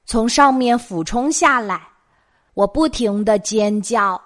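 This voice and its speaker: A woman's voice: on the high side, takes it slowly. A middle-aged woman with a Mainland Chinese Mandarin accent tells childhood memories as bedtime stories in a conversational way. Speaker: storytelling host of a bedtime show.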